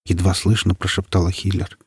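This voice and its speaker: A man narrates an audiobook in a steady, ominous manner. His voice is low and husky. The recording is dry and close. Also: no echo. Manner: measured, ominous storytelling.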